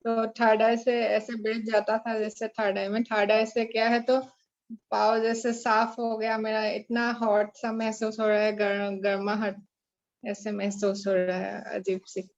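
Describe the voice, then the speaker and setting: A woman student casually sharing an experience in halting phrases over a lo-fi online call. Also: mid-range voice, level tone, gravelly.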